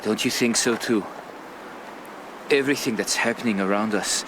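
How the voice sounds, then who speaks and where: A man's voice: fairly low pitch, moderate pace, noisy background, close to an everyday voice. An actor playing an uneasy man stranded in a horror game, speaking English with a faux Japanese accent in a stiff, anxious way. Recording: game audio with loud ambience.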